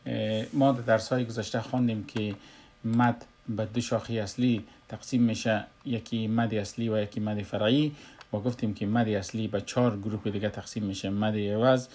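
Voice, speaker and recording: A man with an Afghan Dari accent teaches Quran recitation in a recorded lesson, explaining slowly and pausing often with "uh". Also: on the low side, level tone, a little mellow. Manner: slow, explanatory, with frequent "uh" pauses.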